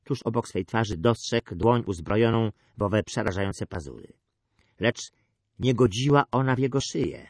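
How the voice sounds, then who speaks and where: Low-voiced male audiobook narrator. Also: expressive, normal speed, darkish tone, no room sound, clean studio sound. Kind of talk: scripted narration.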